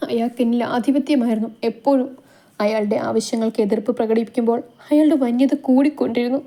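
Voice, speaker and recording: A woman's voice: on the high side, fairly even intonation, fast, dark tone, natural voice. A woman voicing a frightened young wife who is tearful and broken, with a trembling, pleading delivery in a storybook reading. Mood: bitter.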